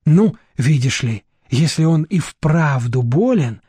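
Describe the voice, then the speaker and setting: A man's voice: on the high side, expressive, slow pace, warm tone, breathy edge, dry recording, studio quality, exaggerated voice. A man voicing a blunt, sardonic middle-aged woman.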